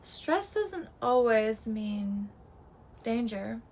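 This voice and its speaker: Slow, clipped woman with a strained voice. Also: a little high, very animated, a little mellow, a little hiss or hum, poor audio. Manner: clipped, terse delivery in short fragments. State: voice giving out, strained. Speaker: real estate agent. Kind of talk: scripted market breakdown.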